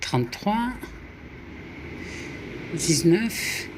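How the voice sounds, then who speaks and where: Speaking very slowly yet very animatedly, a woman with a fairly low voice plays puzzle games at home as a YouTuber. She murmurs letters and numbers to herself and jokes about her blunders, with background noise audible.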